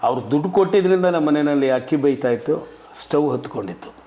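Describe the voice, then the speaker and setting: Older man in his sixties, sincere and reflective, a touch high-pitched; interview guest. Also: animated, fast talker, warm tone. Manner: earnest, reflective storytelling. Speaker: interview guest, comic actor. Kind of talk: casual interview talk.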